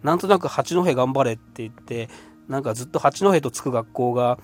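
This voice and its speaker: A man in his fifties hosting a podcast, telling a personal travel story in a relaxed, rambling way with lots of fillers. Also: mid-range voice, a little fast. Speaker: podcast host. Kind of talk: casual storytelling monologue.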